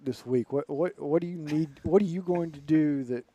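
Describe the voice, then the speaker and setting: A man's voice: a little high, normal speed, mellow, highs cut off. A man hosting a sports radio show, asking friendly, conversational questions. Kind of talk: radio interview.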